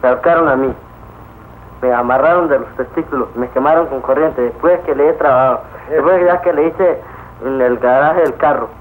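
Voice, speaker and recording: Male witness, halting indignant testimony, tinny lo-fi film recording. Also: mid-range voice. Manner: halting, repeats words, indignant. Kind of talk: spoken testimony. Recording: tinny lo-fi old film sound with faint hiss.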